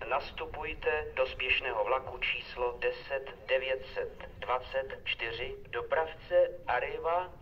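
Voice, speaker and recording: A male railway announcer reads a scripted notice in formal, separate phrases at a medium pitch. It comes over an outdoor station loudspeaker with loud ambient noise. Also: recorded from a distance, dull audio. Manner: formal, segmented phrase-by-phrase delivery. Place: outdoor railway station, public address system.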